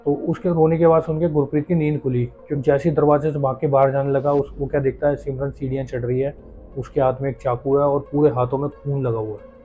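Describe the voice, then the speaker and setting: A man's voice: medium pitch, level tone, fast talker, dark tone. A man narrating a horror story in a casual, conversational, suspense-building way. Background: faint background music.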